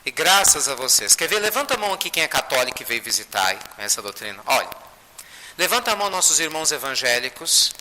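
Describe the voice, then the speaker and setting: A man giving a spiritist talk to an audience, telling a story in an animated way with many tag questions. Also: mid-range voice, quick pace. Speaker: spiritist lecturer. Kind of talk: storytelling sermon. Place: lecture hall with audience. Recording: reverberant hall, faint noise.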